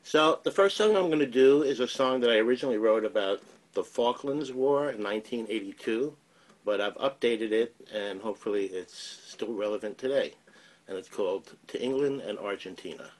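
A man, a singer-songwriter who owns a music store, introducing his songs on stage in a relaxed, friendly way. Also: on the low side, moderate pace, rough recording. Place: community cultural center stage.

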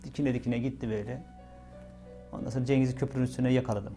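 Dark-voiced man recalling a night. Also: mid-range voice, fairly even intonation, fast, faint music behind. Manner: retells events with many repeated "dedim" and "böyle" fillers. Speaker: witness interviewed for a documentary. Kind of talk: emotional first-person recollection.

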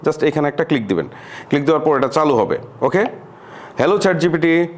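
A man's voice: a little high, expressive, fast. Chatty man demoing an app. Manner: chatty, keeps saying "see" to viewers, mixes in English words. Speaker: tech tutorial host. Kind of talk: casual screen-recorded tutorial.

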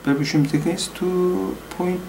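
Seated at his desk in a small home room, a Korean-accented man, Korean by birth, talks through engine calculations as a hobby mechanic, reading out numbers slowly and hesitantly with many pauses and fillers. His voice sits high, steady, gravelly, and warm. Faint music plays behind him on a rough recording.

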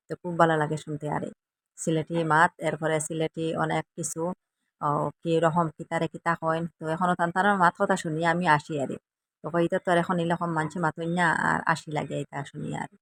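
A woman from Assam with a Sylheti accent, chatting to viewers in a casual cooking vlog in a rambling, chatty way. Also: sits low. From Assam, India. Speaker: vlogger.

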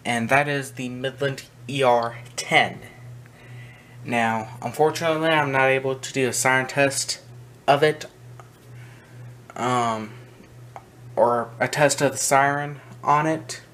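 This video host, a man showing off his collection in a small room with wooden shelves, speaks slowly with frequent pauses, his medium-pitched voice fairly even and bright. The narration is casual and unscripted, hesitant, full of trailing asides. Sound comes from the handheld camera's built-in mic behind the lens, noisy with faint room noise.

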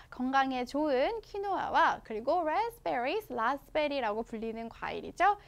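A young Korean woman leads a children's English lesson from a picture book, her voice pitched high and swooping up and down as she teaches. She draws each English word out very slowly, then races through her explanations, cheering the listener on. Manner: slow, drawn-out English words, quick Korean explanations.

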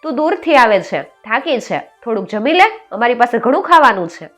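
A woman's voice: on the high side, big pitch swings, normal speed, fairly bright tone, soft background music, voice pushed up. A woman storyteller voicing a group of insistent village farmers, speaking in a raised, coaxing tone.

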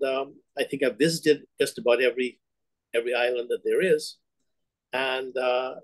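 An older Guyanese man who heads a bank tells his story as a guest in a remote interview, speaking reflectively from a room in his home over a webcam on a video call. His medium-pitched voice sounds dry and rough, and he restarts hesitantly and uses fillers.

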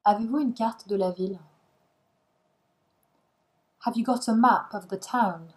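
A woman's voice: mid-range voice, unhurried, a little mellow, low-quality recording. A woman reading short phrases for a language lesson, each one followed by its translation. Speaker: language teacher.

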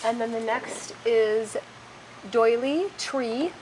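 A store host with a slightly high, slightly mellow voice speaks slowly while filming a casual product walkthrough in a large warehouse with wire shelving. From behind the handheld camera she simply names each item. The low-quality recording carries a little hiss or hum.

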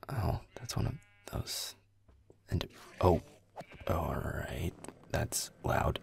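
In a roleplay audio, a man plays a grumpy young werewolf boyfriend, a sulky, aloof gamer, muttering deadpan, sarcastic, sweary commentary on a video game. His breathy, gravelly half-whisper sits low and is heavily acted, smug and taunting.

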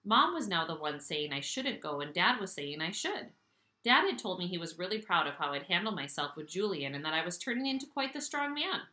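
Lively woman reading a story aloud. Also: on the low side, fairly quick, echoey room. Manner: expressive, animated storytelling. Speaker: audiobook reader.

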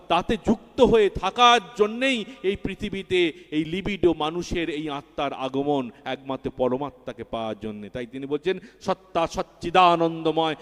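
A man preaching a devotional sermon with fervour, repeating key words and rising in emphasis, at a religious festival. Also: a little high. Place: large hall at a religious festival. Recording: long hall reverb.

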